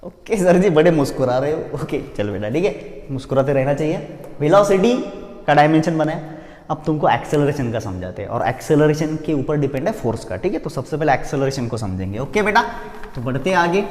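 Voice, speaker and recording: A man's voice: fairly high pitch, sing-song, a little fast, darkish tone. A man teaching physics in a playful lecture style, asking questions and answering them himself the way his students would. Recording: echoey room with long reverb.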